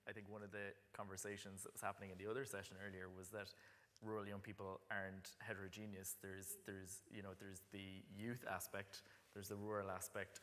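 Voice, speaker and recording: Bright-voiced man moderating in a hall. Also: on the low side. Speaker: panel moderator. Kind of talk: unscripted event moderation. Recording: echoey hall with long reverb.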